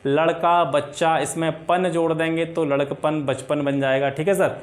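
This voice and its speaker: A man's voice: a little high, flat delivery, moderate pace. A man teaching a Hindi grammar lesson for exam preparation, listing example words and asking and answering his own questions. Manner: often adds filler checks like "theek hai".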